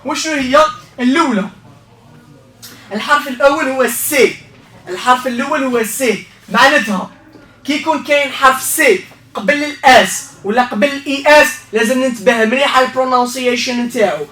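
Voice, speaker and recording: Algerian male teacher, quick and bright, reviewing for an exam; roomy sound with the mic some way off. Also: very high voice, recorded from a distance. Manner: explains step by step, asks "okay?" often. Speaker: English teacher. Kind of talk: exam revision lesson.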